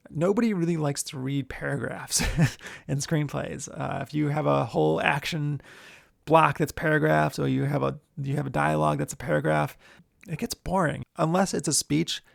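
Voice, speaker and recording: A man who hosts a screenwriting show, giving writing tips in a relaxed, chatty way. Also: on the high side, creaky, no echo, studio quality. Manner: relaxed, chatty, many fillers. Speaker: screenwriter and podcast host. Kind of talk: casual instructional talk.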